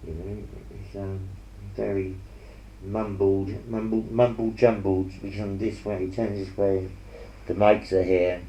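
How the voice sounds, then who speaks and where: A man hosting a painting ASMR video, mumbling and rambling softly while he paints, speaking into an earpiece mic. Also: low voice, little pitch movement, measured pace, a little hiss or hum. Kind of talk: soft-spoken casual chat while painting. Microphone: earpiece headset mic. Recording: roomy with faint ambience.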